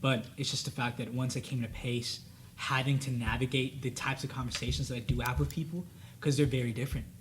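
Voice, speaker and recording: A man's voice: medium pitch, steady tone, fairly quick, hardly any pauses, a little hiss or hum. A young man whose first language is Spanish, speaking earnestly and reflectively in a casual student discussion, with many fillers. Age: young adult. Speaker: student panelist.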